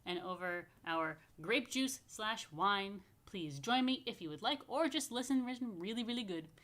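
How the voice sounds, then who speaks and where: A rabbi at a family story time talks to the children in plain, chatty, playful language, reading a story and giving blessings. Her voice is medium in pitch, fairly bright and animated, at a normal speed.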